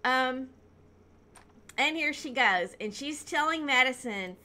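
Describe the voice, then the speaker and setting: A woman's voice: high-pitched, expressive, slow pace, sharp tone. A woman casually narrating a life-simulation game, telling the story in a chatty way with lots of "you know" and "um". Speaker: gameplay narrator.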